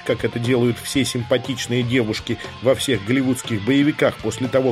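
Man narrating an audiobook wryly. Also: mid-range voice. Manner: wry, ironic. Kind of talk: first-person audiobook narration.

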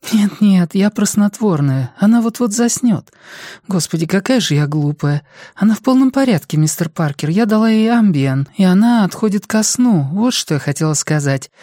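A man voicing a fussy female nurse who speaks in a flustered, hurried way. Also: sits high, expressive, dark tone, no room sound, clean studio sound, pitched above the performer's own voice.

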